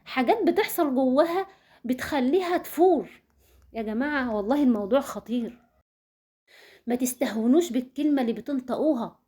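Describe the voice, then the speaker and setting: A woman's voice: high-pitched, mellow, husky. A woman with an Egyptian Arabic accent giving earnest marriage advice, speaking straight to her listeners and repeating words for emphasis. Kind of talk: advice talk to viewers.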